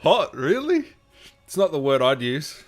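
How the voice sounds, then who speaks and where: Sing-song and a little high, a man's voice moves at a measured pace as he hosts a livestream. Reading out viewer comments, he chats with his audience in a relaxed, joking, matey style.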